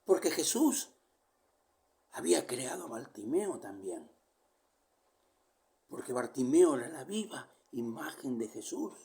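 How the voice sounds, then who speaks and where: A man delivers a sermon with animated pitch that climbs high and sinks low. He reads scripture aloud and explains it verse by verse. His voice swings between loud calls and near whispers. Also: unhurried, long pauses. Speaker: preacher.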